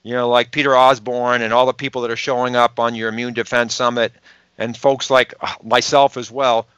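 A man with a Boston accent, appearing as a podcast guest, explains health research emphatically and poses rhetorical questions in explanatory interview talk. His medium-pitched voice is fairly bright and clean, with no room sound.

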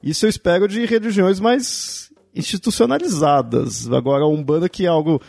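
Hesitant Brazilian man, mellow voice. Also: sits high, normal speed, creaky, no room sound. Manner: hesitant, thinking aloud with many fillers. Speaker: podcast host. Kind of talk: casual conversational interview.

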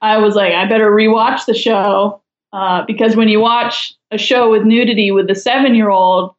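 A woman's voice: mid-range voice, steady tone, moderate pace, echoey room, muffled recording. A woman guest in a casual podcast chat, talking with a wry, chatty, judgmental humor.

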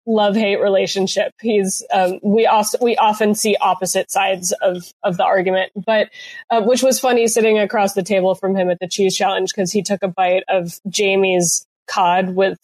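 A woman's voice: medium pitch, flat delivery, moderate pace, a little mellow. Hesitant woman chef chatting casually. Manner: hesitant, lots of ums and restarts. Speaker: chef guest recapping a cooking competition. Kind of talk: casual podcast chat.

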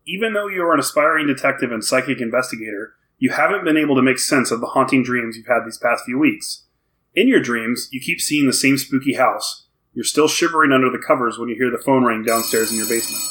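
Man, leads a tabletop story game, calm steady reading, mid pitch. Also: low-quality recording.

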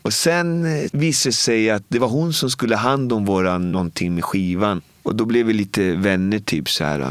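A man in his forties with a fairly low voice tells a personal story in a casual, heartfelt way, full of everyday filler words and quoted exchanges. He is recorded close and dry, with no room sound. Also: no echo. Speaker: guest.

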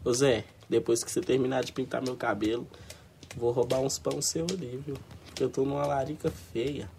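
A man's voice: mid-range voice, fairly even intonation, fairly quick, gravelly, slight background noise, natural voice. An actor playing a rowdy young man who teases his friend in slangy, crude banter, with a Minas Gerais accent. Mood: joking. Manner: slangy, crude banter, loud mock outrage. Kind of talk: naturalistic film dialogue.

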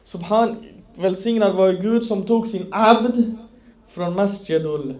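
Man, high voice, religious lecture, explains terms, echoey room. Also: darkish tone. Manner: explains terms and asks the audience questions. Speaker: Islamic preacher.

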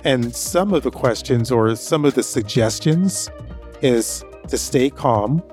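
Over quiet background music, this man hosts a story podcast and meanders through a personal anecdote, repeating points as he chats. He speaks slowly at a medium pitch, his tone a bit mellow and his intonation lively.

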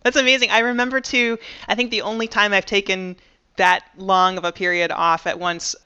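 A woman hosting an interview, thoughtful and a little halting, with warm asides. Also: mid-range voice, little pitch movement, clean tone, highs cut off. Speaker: podcast host. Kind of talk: casual interview.

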